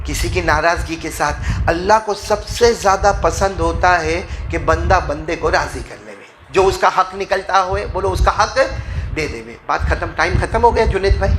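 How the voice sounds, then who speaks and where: A man preaching a storytelling sermon to a mosque gathering, moving from hushed narration to shouted, dramatic climaxes and joking with his listeners. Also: high-pitched, noisy background. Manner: jokes and chides the audience directly.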